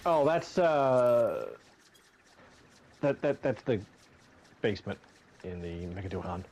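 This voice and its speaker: A man's voice: mid-range voice, big pitch swings, slow pace, darkish tone, slight background noise. A man bantering casually and jokingly over a game.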